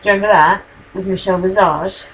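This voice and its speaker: A woman's voice: medium pitch, steady tone, fast, a little hiss or hum, poor audio. A woman co-hosting a casual podcast from home, recapping with plenty of swearing and laughter. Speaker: podcast co-host. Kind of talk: casual chat. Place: home, with a cat.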